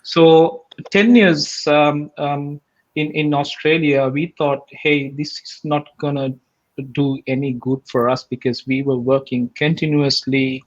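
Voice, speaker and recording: A man's voice: on the high side, fairly even intonation, a little slow, dull audio. A man in his forties, from Sri Lanka, the guest in a casual online interview, talking steadily and earnestly with many ums and restarts.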